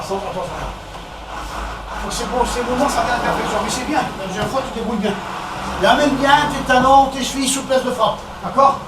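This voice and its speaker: A man with a French accent coaching a boxing session, counting out combinations and calling out punches in short, brisk commands. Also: very high voice. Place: echoey boxing gym. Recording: echoey gym, distant camera, background noise.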